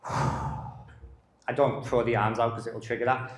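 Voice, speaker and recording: A middle-aged man, a dog behaviour specialist, giving a live masterclass in a calm manner and short broken phrases. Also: medium pitch, slow pace. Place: live lecture venue. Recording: roomy echo.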